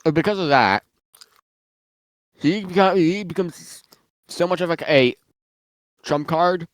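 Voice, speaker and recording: A man's voice: fairly high pitch, slow, dry recording. Male, casual rambler, slightly muffled from eating, dry close recording. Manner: rambling, many fillers and restarts. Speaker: guest worldbuilder. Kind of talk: casual chat about fictional lore.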